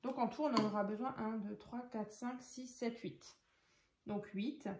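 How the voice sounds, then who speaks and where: Craft host, woman, slightly high voice, unhurried, thinks aloud, echoey room. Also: steady tone, darkish tone. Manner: chatty, thinks aloud, counts pieces while working. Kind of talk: casual craft tutorial.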